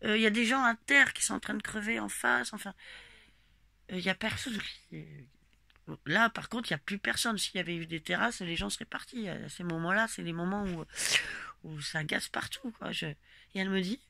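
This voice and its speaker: A woman telling her listeners about a protest in a loose, rambling, animated way, swearing often and speaking to them directly. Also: medium pitch, brisk, gravelly, no echo. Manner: animated, emphatic storytelling with frequent swearing. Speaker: gilet jaune protester recounting a march. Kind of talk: casual spoken personal account.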